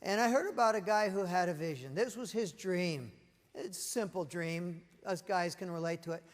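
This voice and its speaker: A man delivering a motivational keynote with a fairly high voice. He tells stories with energy and acts out the voices of the people in them. The room carries a long reverb. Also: normal speed. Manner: animated storytelling, acting out voices. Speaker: motivational speaker. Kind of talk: live keynote presentation. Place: conference room with leadership audience.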